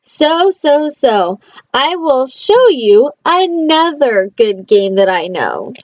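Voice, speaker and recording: A woman's voice: high-pitched, sing-song, takes it slowly, dry recording, highs cut off, full character voice. A woman voicing a playful, boastful male cat in a children's storybook, exuberant, showy and coaxing. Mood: stubborn, eager. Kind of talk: children's storybook read-aloud.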